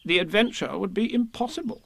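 A man voicing a bossy, self-important male rabbit in a high, loud, commanding voice. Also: creaky, exaggerated voice. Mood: solemn. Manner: brisk, commanding.

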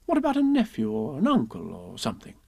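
A man voicing a calm, thoughtful young boy in a children's storybook, speaking in a considered, matter-of-fact way. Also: medium pitch, fast, creaky, no room sound, clean studio sound, heavily acted. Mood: pondering.

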